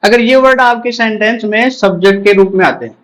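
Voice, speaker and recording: A man with a high voice teaches English grammar to exam candidates. He explains in Hindi with English terms mixed in. He repeats each rule and checks understanding with short questions. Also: fairly bright tone, poor audio. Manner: repeats key terms, asks the class quick check questions. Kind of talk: exam-prep grammar lecture.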